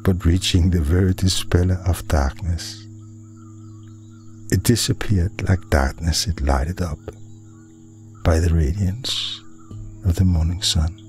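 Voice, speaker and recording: Very deep-voiced monk narrating a story. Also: male voice, darkish tone, soft background music. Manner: dramatic, deliberate reading. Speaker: Buddhist monk.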